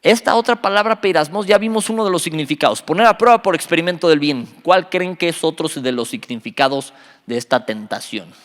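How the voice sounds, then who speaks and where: A man, a youth pastor teaching a Bible study, animated and joking, quizzing his listeners. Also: a little high, a little fast. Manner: animated, quizzes the audience, jokes. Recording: reverberant hall.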